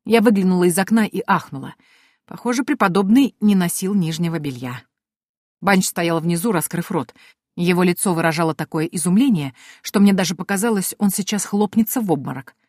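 Woman reading a lively first-person audiobook. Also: on the low side, fairly quick, dry recording, studio quality. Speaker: audiobook narrator.

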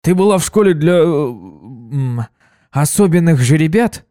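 A man's voice: fairly high pitch, lively intonation, a little slow, mellow, no echo, voice pushed up. Brief: a man doing a jittery young unicorn clerk, stammering, voice a little raised, dry sound. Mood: flustered. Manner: flustered, stammering.

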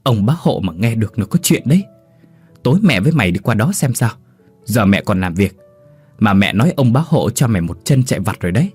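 A man voicing a stern, worried peasant mother with a brisk, hushed way of scolding. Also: on the low side, animated, slightly rough, soft background music. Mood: urgent.

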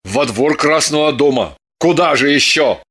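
A reader doing a gruff, curt husband. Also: male voice, medium pitch, measured pace, a bit bright, pitched below the performer's own voice, natural voice. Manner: short, clipped, commanding replies.

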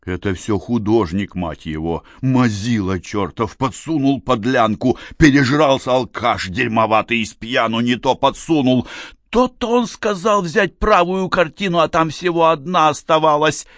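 A man's voice: medium pitch, expressive, a little slow, a bit bright, no room sound, studio quality, voice pushed up. A man doing a crude, growling racketeer. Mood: bleating. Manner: growling, rude. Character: rough red-haired male racketeer, crude. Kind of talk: audiobook character voice.

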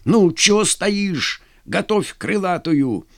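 A man voicing a wounded, fearless young naval lieutenant who shouts commands in an audiobook. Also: high-pitched, very animated, slow pace, voice pushed up, heavily acted. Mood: urgent. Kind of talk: audiobook character voice.

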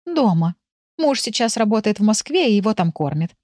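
A woman doing a flustered, chatty village lady who complains in a lively, swooping voice. She is heard in a dry, close recording with no room sound. It is an audiobook character voice. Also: mid-range voice, a little fast, dry recording, voice pushed up, lightly acted. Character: talkative flustered village woman, pet owner.

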